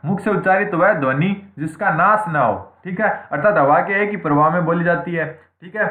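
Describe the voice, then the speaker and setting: A man with a high voice talks fairly quickly while teaching an online Hindi grammar class for exam preparation. He goes over points again, answers questions he raises himself, and checks in with "theek hai" after nearly each one. The audio comes across tinny and phone-like in an echoing room.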